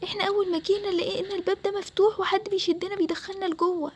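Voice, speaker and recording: Desperate trapped captives, a woman voicing, Egyptian, very high and urgent. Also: fairly even intonation, rapid-fire, slight background noise. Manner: urgent pleading, higher pitched.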